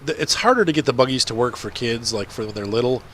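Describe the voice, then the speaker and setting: A man's voice: medium pitch, lively intonation, quick pace, a bit bright, slight background noise. A man with a congested, blocked-up nose giving casual, rambling gameplay commentary as a video host. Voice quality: congested, blocked nose, nasal stuffy sound.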